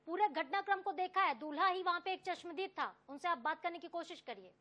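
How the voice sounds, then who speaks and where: A woman anchoring a television news bulletin, reading stories formally and pressing a field reporter with brisk questions. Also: very high voice, expressive, pushed and bright, highs cut off.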